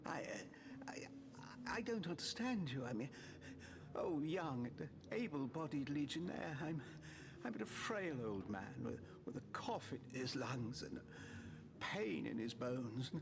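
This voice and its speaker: A man's voice: medium pitch, sing-song, measured pace, gravelly, noisy background. An actor playing a frail, fretful old elf man in a video game, stammering and hesitant. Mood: pleading. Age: older. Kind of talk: game character acting.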